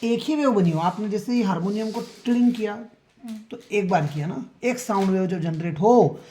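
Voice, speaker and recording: A man's voice: high-pitched, moderate pace, mellow. A man teaching a school science lesson in a classroom. He counts aloud, quizzes his students and keeps checking that they understand. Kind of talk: classroom lecture.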